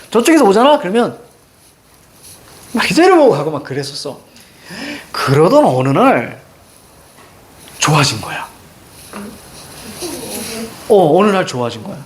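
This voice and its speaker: Animated middle-aged male teacher. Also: high-pitched. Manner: animated, switching between casual banmal and polite endings. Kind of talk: lecture with personal storytelling.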